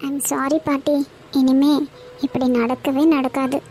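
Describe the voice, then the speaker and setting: A woman's voice: high voice, flat delivery, slow, darkish tone, soft background music. A woman voicing a remorseful young college girl in a cartoon, who pleads and apologizes. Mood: pleading.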